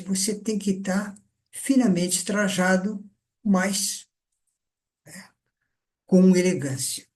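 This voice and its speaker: An older man delivers a slow, unhurried lecture on communication. His voice is dark and mellow, and he explains things patiently in a conversational way, often tagging sentences with little check-ins. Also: high-pitched. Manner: slow, deliberate, conversational teaching with many "então" and "né". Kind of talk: lecture on speaking and presentation.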